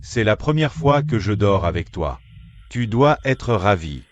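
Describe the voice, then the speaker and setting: A man dubbing a brooding, possessive tough schoolboy, talking low, slow and blunt. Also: sing-song, muffled recording, slight background noise. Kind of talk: French dub of a series.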